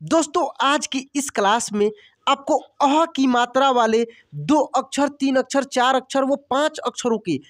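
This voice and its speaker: A man's voice: very high-pitched, a little slow, fairly bright tone, dry recording, clean studio sound. A man teaching a reading lesson to viewers, reading words out one at a time and often calling them friends.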